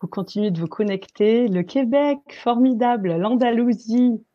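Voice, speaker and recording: A woman's voice: on the high side, moderate pace, highs cut off. A woman hosting an online webinar, upbeat and a little hesitant, with many fillers. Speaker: webinar host.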